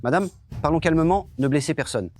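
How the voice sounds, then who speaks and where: A man dubbing a polite office manager trying to calm everyone down. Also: on the high side, a little fast, close to an everyday voice. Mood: placating. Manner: placating, polite. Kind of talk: French drama dubbing.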